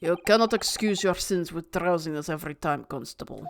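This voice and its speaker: A woman voicing a stern, formal male judge in a video game, speaking in a pompous, measured way. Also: mid-range voice, lively intonation, a bit bright, a little hiss or hum, lightly acted. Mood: disapproving. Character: stern, formal male British judge presiding over court. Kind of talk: video game read-aloud voice acting.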